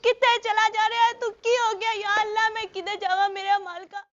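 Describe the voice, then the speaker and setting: A woman's voice: extremely high pitch, level tone, a little fast, a bit bright. A woman playing a distraught young sister who wails and pleads. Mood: wailing. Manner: wailing, pleading. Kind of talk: comedy sketch acting. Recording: dull lo-fi recording with faint noise.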